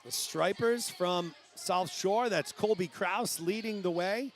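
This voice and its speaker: A man with a New England accent calling a youth swim meet live, brisk play-by-play that rises at the finishes. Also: high voice. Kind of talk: live sports commentary.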